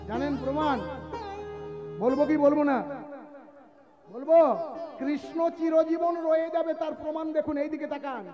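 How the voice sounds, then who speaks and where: A man giving a devotional sermon at a live gathering, asking the crowd rhetorical questions and calling for quiet. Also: very high voice, highs cut off. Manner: asks the crowd rhetorical questions and hushes them. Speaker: kirtan preacher.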